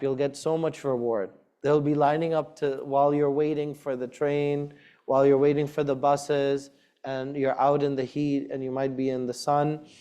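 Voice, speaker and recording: An imam addresses his congregation in a direct, conversational way. His voice is warm and mellow, pitched in an ordinary middle range, and he repeats key words to stress them. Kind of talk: practical advice talk to a congregation.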